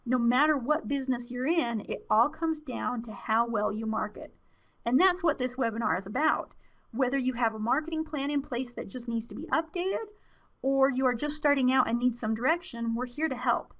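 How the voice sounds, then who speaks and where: Woman, webinar presenter, slightly high pitch, friendly conversational delivery, fillers, voice wearing thin. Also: normal speed, fairly bright tone. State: losing her voice.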